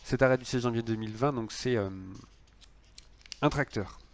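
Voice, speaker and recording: A man's voice: medium pitch, fairly even intonation, moderate pace, a little hiss or hum. A man lecturing on law, explaining cases with frequent fillers and restarts.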